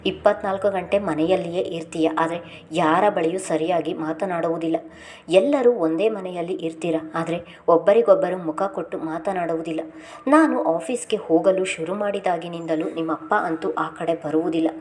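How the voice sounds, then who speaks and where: Exasperated young husband, pleading, a bit low, read by a woman narrator. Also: moderate pace, a little mellow, a little hiss or hum, close to an everyday voice. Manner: pleading, scolding.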